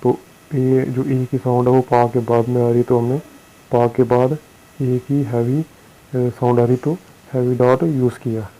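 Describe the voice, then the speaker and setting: Male teacher with an Indian accent, monotone and mellow-toned, slow and repetitive board-lesson delivery. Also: medium pitch, low-quality recording. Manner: slow, repetitive explanation with frequent fillers. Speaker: shorthand teacher. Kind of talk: recorded lesson explaining on a board.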